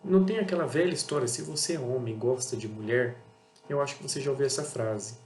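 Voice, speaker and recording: A Brazilian Portuguese-accented auto parts seller who hosts a channel talks quickly in a medium-pitched, darkish voice. His casual monologue is blunt and repetitive, full of acted-out dialogues with customers, and the echoey room carries a faint hum.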